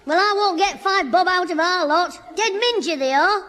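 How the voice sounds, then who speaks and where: A man's voice: extremely high pitch, sharp tone. A man playing a cocky, wisecracking young schoolboy in 1950s radio comedy, heard on an old broadcast recording. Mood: cheeky. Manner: cocky, quick quips and puns. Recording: hissy old broadcast with long hall reverb.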